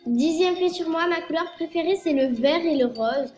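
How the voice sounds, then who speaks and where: Faint music plays behind a very high, darkish voice moving at a moderate pace: an early-teen French youtuber with a cold-blocked nose, rambling casually with many fillers and corrections. The room is echoey with faint noise.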